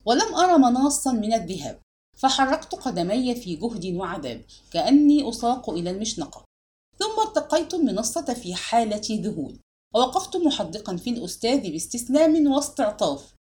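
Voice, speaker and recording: A woman narrating a literary story aloud in a measured, expressive reading style. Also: on the high side.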